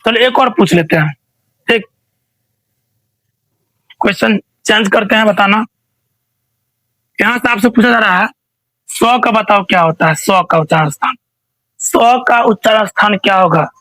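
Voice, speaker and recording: A man's voice: high-pitched, normal speed, long pauses, sharp tone, dry recording, low-quality recording. A male teacher running an online revision quiz, asking each question again and again and prompting students to answer.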